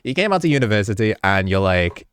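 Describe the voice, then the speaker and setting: Sounding stuffy and a bit sick, a man rambles casually about the behind-the-scenes side of his video edits, often breaking off mid-sentence to chuckle. His voice is lowish, bright and smooth, fast with big pitch swings, recorded clean and dry in a studio.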